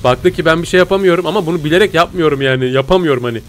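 Male gaming YouTuber, slightly high voice, jumpy and excitable, casual commentary, tense whispers to sudden yelps. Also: rapid-fire, a little hiss or hum. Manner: talks to viewers as "pisicikler". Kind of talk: casual Let's Play commentary.

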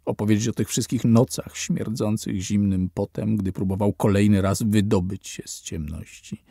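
A man reading a story as audiobook narrator, in slow, measured scripted narration whose lines fall away quietly at the end. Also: on the low side, fairly even intonation, creaky, breathy edge, no room sound, studio quality.

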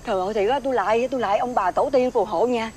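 A woman playing a shrill scolding mother. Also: rapid-fire, darkish tone, slight background noise, close to an everyday voice. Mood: fretting. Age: middle-aged. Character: scolding middle-aged mother, shrill and exasperated. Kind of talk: TV fairy-tale drama acting.

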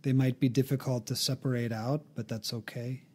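A man leads a guided meditation in a slightly rough, medium-pitched voice. His delivery is calm and gently instructive, with long gaps between phrases.

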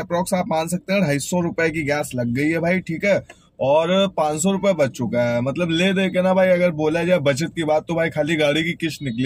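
In a relaxed vlog, a chatty young ride-hailing driver talks directly to the camera, repeatedly addressing viewers as friends and brothers. His voice sits slightly high for a man, and the recording is dry.

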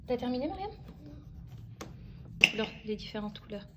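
A woman's voice: a little high, lively intonation, moderate pace, heavy background noise. A woman in her thirties filming a vlog at home, chatting and explaining as she teaches her children. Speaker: home-schooling mother. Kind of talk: casual vlog narration and teaching.

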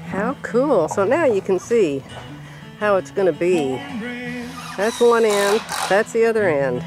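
A woman's voice: mid-range voice, expressive, a little slow, music in the background. An older woman narrating a casual vlog, chatty and exclaiming often, laughing as she films outdoors at a building site. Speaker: vlogger. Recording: outdoor camera audio with noise.

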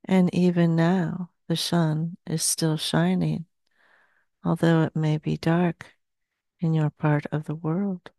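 A woman in her sixties trance channeling as a seance medium, speaking solemnly and slowly with long pauses. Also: sits low, flat delivery, creaky, mellow, no echo, clean studio sound. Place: small dim indoor room. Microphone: headset.

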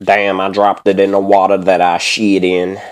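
A man's voice: low-pitched, completely flat delivery, moderate pace, natural voice. A man voicing a greedy, foul-mouthed monkey in a silly, mismatched comic redub, talking in profane street slang. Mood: smug, goofy. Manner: profane, slangy street talk with sudden yelps. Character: crude, greedy male caged monkey begging for bananas. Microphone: voice-over recorded apart from the pictured zoo. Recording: noisy amateur voice-over with clicks.

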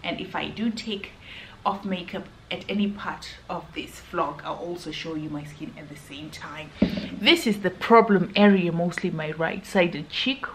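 Speaking a little slowly in a lowish voice, a thirty-something woman, not a native English speaker, does a casual skincare review to camera from a hotel room, earnest and often restarting. The camera sits at arm's length, and the room echoes with a faint hum.

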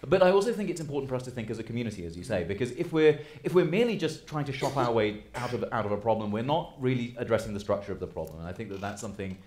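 A man speaking on a stage panel, talking quickly with stammering restarts. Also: mid-range voice, animated, darkish tone, reverberant. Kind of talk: panel discussion. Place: large auditorium stage.

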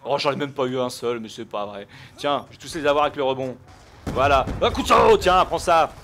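A man giving live, jokey gameplay commentary, shouting out his kills. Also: mid-range voice, a little fast, a little hiss or hum. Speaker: gaming video host.

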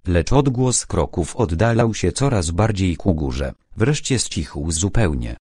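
Deep-voiced man reading an audiobook. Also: breathy edge, no room sound, studio quality. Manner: measured, dramatic storytelling with steady phrasing. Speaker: audiobook reader. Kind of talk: scripted dramatic narration.

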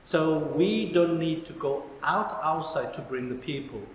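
A pastor in his forties, originally from South Korea, speaks in a slightly high voice, answering interview questions in halting second-language English with many fillers. The church hall is echoey, with music in the background.

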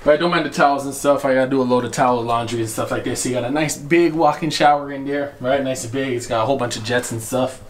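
A man's voice: mid-range voice, quick pace, slight background noise. A young man giving a casual house tour in a vlog, walking from room to room and talking in laid-back slangy banter on a camera mic. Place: rooms of a house, indoors.

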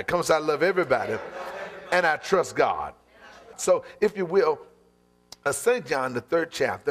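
Preaching man leading call-and-response. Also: a bit bright. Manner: calls for the congregation to repeat phrases, asks "what?" for them to fill in; drawn-out emphatic phrasing, building in pitch toward the end. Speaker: pastor. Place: church.

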